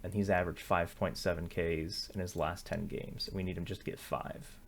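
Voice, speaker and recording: A man's voice: low-pitched, little pitch movement, normal speed, creaky, slight background noise. A young man hosting sports betting picks, thinking aloud in casual commentary, often correcting himself. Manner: thinking aloud, self-correcting, filler-heavy. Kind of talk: casual screen-share commentary.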